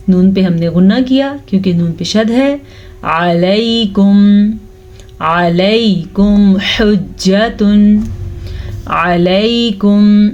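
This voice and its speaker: A woman teaching Quran recitation rules, explaining each sound and then reciting words slowly and drawn out. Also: mid-range voice, warm tone, dull audio. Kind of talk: recitation lesson with slow drawn-out recitation.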